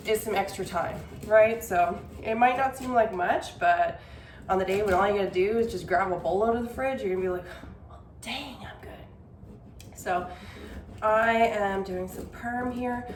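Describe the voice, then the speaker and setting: A woman's voice: mid-range voice, normal speed, echoey room, recorded from a distance, slight background noise. A young woman chatting casually as she preps meals in her home kitchen, a little out of breath and self-deprecating. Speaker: cooking vlogger. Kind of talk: casual meal-prep vlog.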